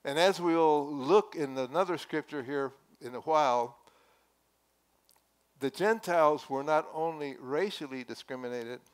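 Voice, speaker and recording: An older man delivers a sermon in an unhurried voice on the high side, using a headset mic. As the pastor at a wooden pulpit in the sanctuary, he sounds earnest and conversational. He punctuates his points with emphatic rises.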